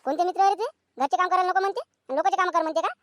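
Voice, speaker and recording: Woman voicing a shrill scolding village mother. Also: dry recording, clean studio sound. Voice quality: nagging, scolding, rapid-fire. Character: scolding village mother, middle-aged, sharp-tongued. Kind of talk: cartoon comedy dialogue.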